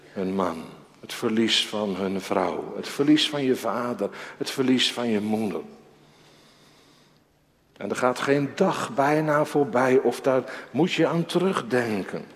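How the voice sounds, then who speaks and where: A man preaching a sermon as pastor, slow and dramatic, now and then crying out loudly. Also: mid-range voice. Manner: slow, dramatic preaching with sudden raised cries. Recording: long church reverb.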